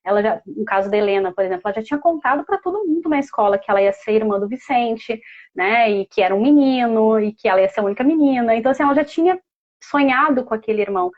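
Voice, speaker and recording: A woman's voice: on the high side, lively intonation, fast talker, dull audio. A mother speaking as a guest, telling a personal story in a heartfelt, casual way with many fillers.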